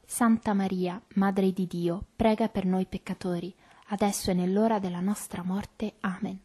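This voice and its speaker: Woman, recited rosary prayer, soft and even, warm tone, breathy edge. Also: medium pitch, moderate pace. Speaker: prayer leader.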